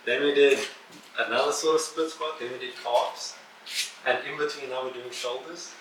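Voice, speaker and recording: A young man in his twenties chatting casually with a friend about his workout, in relaxed bro talk. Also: mid-range voice, normal speed, far from the mic. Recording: echoey, off-mic, faint hiss.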